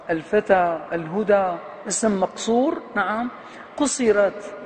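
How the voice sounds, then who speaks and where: A man teaching grammar as a professor in a classroom lecture, who poses questions to his students and answers them himself and stretches out key words for emphasis. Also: high voice. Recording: long hall reverb with faint background noise.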